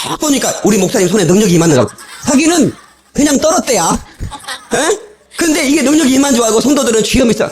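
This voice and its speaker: An extremely high-pitched male pastor gives a sermon of personal testimony in a church sanctuary, preserved on an old cassette tape. He narrates with animation, laughs a lot and acts out the voices of the people in his stories.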